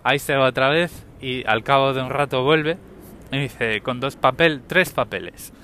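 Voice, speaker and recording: Podcast host from Spain with a Spanish accent, a young man with a bright, forward tone, chatty and animated as he voices the people in his story. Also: medium pitch, normal speed, slight background noise. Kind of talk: casual anecdotal storytelling.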